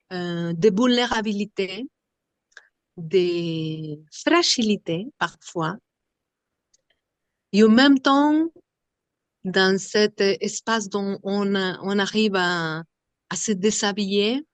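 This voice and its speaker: Woman, Argentine accent, Spanish native, unhurried, dry close sound, halting speech. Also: mid-range voice, dry recording. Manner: halting, searching for words, many fillers. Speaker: singer and vocal workshop leader. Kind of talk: interview.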